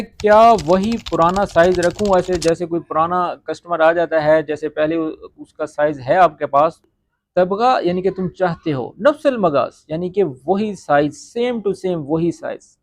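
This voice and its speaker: A man teaching spoken Arabic phrases, saying each phrase slowly and checking with his listeners as he explains. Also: sits high, dry recording. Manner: repeats Arabic phrases slowly, often asks "ٹھیک ہے؟".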